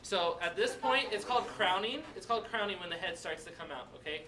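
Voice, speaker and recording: High-voiced man teaching a class. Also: fast talker, crowd noise. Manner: animated, checks in with "right?" and "okay?". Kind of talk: classroom demonstration. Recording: distant camera mic, noisy room.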